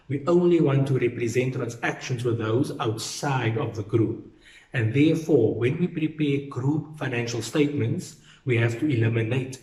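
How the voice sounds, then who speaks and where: An accounting lecturer delivers an explanatory talk, teaching didactically and repeating key points for emphasis. His voice is medium in pitch with a somewhat dark tone, and the recording sounds roomy and echoey.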